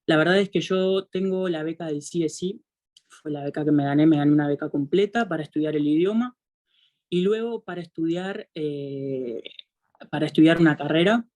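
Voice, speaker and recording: A man's voice: on the high side, moderate pace. A man in his twenties with a Uruguayan accent, an international student talking casually and loosely with plenty of fillers. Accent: Uruguayan Spanish. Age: 20s. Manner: relaxed and chatty, fillers like "bueno, nada". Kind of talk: casual talk in a webinar.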